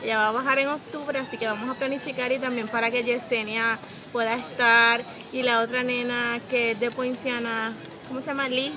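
A woman's voice: on the high side, level tone, a little fast, over music. A woman chatting cheerfully and informally into a phone camera outside a shopping mall. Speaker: fellow vlogger and guest. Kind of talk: casual vlog chat. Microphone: phone camera at arm's length.

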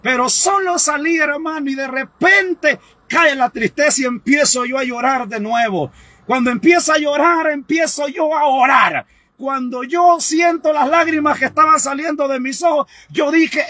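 Fervent high-voiced preacher. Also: male voice, bright, forceful tone, no room sound. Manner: fervent, repeats "hermano", cries out at times. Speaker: evangelist preacher. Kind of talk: emotional testimony sermon.

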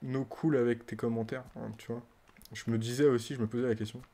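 A man's voice: medium pitch, steady tone, fairly quick, dark tone. A man giving casual let's-play commentary as a streamer, playful, laughing often and talking to the game characters.

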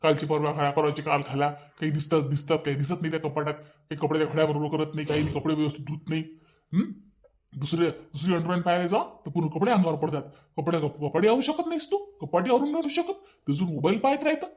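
A man voicing a bossy, petulant young husband in a cartoon, with a Vidarbha Marathi accent, nagging and repeating himself in rapid bursts. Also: fairly high pitch, darkish tone, natural voice. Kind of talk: cartoon voice acting.

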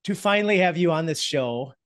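A man's voice: on the high side, lively intonation, fairly quick, clean tone, dry recording, clean studio sound. A middle-aged man hosting a podcast interview over a video call from his home office, upbeat and chatty, with plenty of fillers and restarts. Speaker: podcast host. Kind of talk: casual interview. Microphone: headset on a video call.

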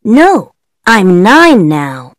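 A woman's voice: mid-range voice, wildly swooping pitch, drawn-out words, no room sound, clean studio sound, exaggerated voice. A woman voicing a young schoolboy on an English course listening recording, giving short, simple replies. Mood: cheerful. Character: young schoolboy answering questions.

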